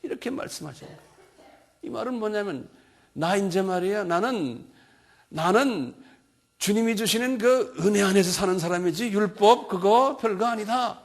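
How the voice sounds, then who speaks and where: A man's voice: sits high, lively intonation, normal speed, creaky. A man giving a recorded bible lecture in a colloquial, conversational manner, often checking in with his listeners.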